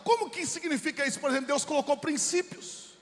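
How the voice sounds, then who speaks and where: Brazilian pastor guy, really high pitched voice, fervent preaching, long church reverb. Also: fast talker. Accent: Brazilian Portuguese. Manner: fervent preaching, often calls the listener "meu irmão". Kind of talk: sermon. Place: church sanctuary.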